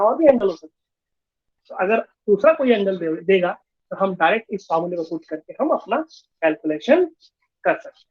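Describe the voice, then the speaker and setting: A man's voice: high-pitched, highs cut off. A male physics teacher giving an online class lecture, explaining step by step and mixing Hindi and English.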